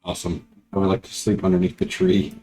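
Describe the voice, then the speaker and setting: Very low-voiced man playing a tabletop game. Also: completely flat delivery, fast, dark tone, slight background noise. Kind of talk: casual in-game chat.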